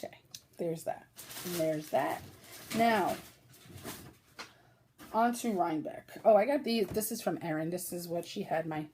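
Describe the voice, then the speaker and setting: A woman's voice: fairly low pitch, measured pace, pauses often, darkish tone, a little hiss or hum. A woman from Brooklyn with a New York accent, hosting a casual yarn haul chat, chatty and gushing, often laughing. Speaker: knitting podcast host.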